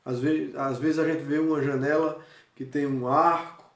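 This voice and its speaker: A male teacher giving a recorded review lesson, speaking straight to his students and checking in often with quick questions. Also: a little high, fairly even intonation. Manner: talks straight to students, checks in with frequent "certo?" and "né?"; demonstrates with gestures and changes of voice. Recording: echoey room, voice from a distance.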